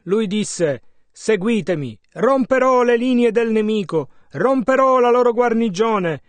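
A man interpreting a sermon, measured and following the preacher's emphasis. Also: high-pitched, no room sound.

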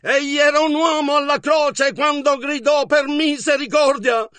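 A man interpreting a sermon in an emphatic manner, often shouting. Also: very high voice, fairly even intonation, a little slow, heavy background noise.

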